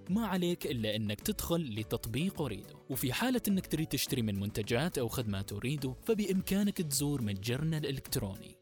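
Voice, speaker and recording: A man's voice: mid-range voice, darkish tone. A man reading a scripted advertisement in a conversational style, as a voice-over.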